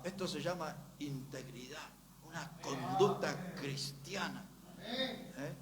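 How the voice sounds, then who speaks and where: A man preaching a Baptist sermon, emphatic, moving between quiet asides and loud, rising passages. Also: fairly high pitch, animated, slow, a loud crowd.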